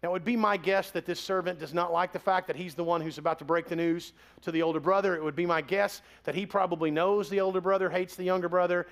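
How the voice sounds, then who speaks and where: High-voiced joking male pastor. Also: vocal fry. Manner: conversational, joking preaching. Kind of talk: sermon.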